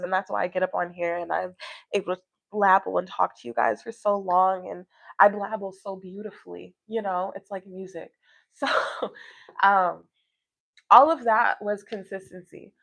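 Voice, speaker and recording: Speaking in a mid-range, slightly bright voice with vocal fry, a woman reflects aloud to her livestream audience. The chat is casual and motivational; she rambles, leans hard on her points, and frequently checks that people are with her.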